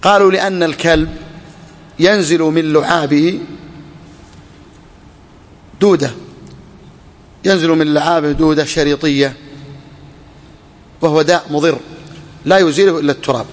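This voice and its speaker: Man lecturing on a text, kinda high voice, long hall reverb. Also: fairly even intonation, normal speed, pauses often. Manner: repeats key phrases, asks and answers questions. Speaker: Islamic scholar teaching a fiqh text.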